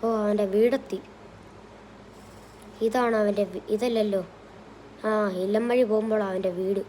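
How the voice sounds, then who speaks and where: A woman's voice: mid-range voice, fairly even intonation, unhurried, warm tone, a little hiss or hum, low-quality recording. A woman narrating and voicing a comic gangster game story. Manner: playful, switches between character voices. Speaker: gaming channel narrator voicing characters.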